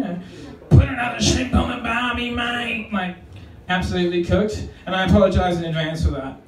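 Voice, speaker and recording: A man with an Australian accent doing a stand-up comedy set on a club stage, rambling and self-deprecating with lots of fillers. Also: high voice. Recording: roomy live club sound from far off.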